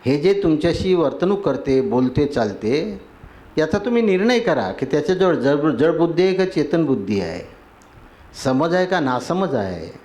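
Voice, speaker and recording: A man preaches a devotional sermon in a slightly high voice. He runs through lists of terms in a steady rhythm and keeps checking with his listeners. This is a spiritual teacher addressing a gathering. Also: normal speed. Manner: asks the audience for agreement.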